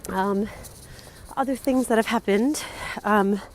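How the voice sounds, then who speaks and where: There's background noise as a young southern English vlogger with a congested cold chats slowly through a casual pregnancy vlog. Her medium-pitched voice carries an exasperated, rambling manner full of fillers.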